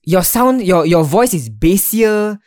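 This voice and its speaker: A man's voice: high voice, animated, slow, darkish tone, no echo, studio quality. A young man with a Singaporean English accent, hosting a podcast in casual chat, talking loosely with slang and often laughing. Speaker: podcast host.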